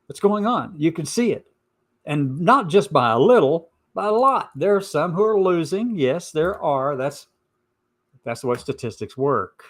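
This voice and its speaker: A man's voice: fairly high pitch, very animated, unhurried. A man hosting an informal opinion show, stressing and repeating his points with sarcastic asides. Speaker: host of a commentary show.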